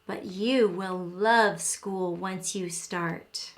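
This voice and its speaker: A woman voicing a gentle, reassuring mother raccoon in a picture-book read-aloud, soothing and unhurried. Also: medium pitch, steady tone, voice pushed down.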